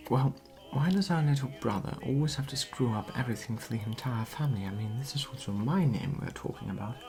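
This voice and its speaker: A performer in a whispered role-play as a genteel period society lady, gossiping softly and confidingly at a tea parlour. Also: medium pitch, gravelly, close to an everyday voice. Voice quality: soft, whispery.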